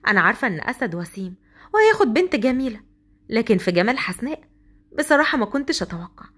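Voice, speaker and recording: Brief: woman playing a gushing aunt on a visit, talkative and lively, audio story. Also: a little high, very fast. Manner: gushing, chatty. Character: chatty visiting aunt, admiring.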